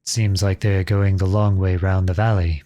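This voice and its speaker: The outlawed young prince turned lowly soldier, played by a man in a roleplay audio drama, speaks seriously and strategically. His warm voice stays close to everyday speech with little pitch movement, while his manner remains formal, measured, courteous and earnest.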